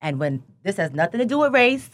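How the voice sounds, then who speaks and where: A woman hosting a casual talk show, stretching out words as she raves about food. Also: medium pitch. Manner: lively, drawn-out food praise. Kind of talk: casual chat.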